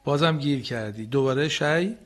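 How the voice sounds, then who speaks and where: On a radio lesson, a man teaches Quran recitation, patiently correcting his students and slowly modeling phrases, at times chanting them. His mid-range voice is slightly bright, with faint music in the background.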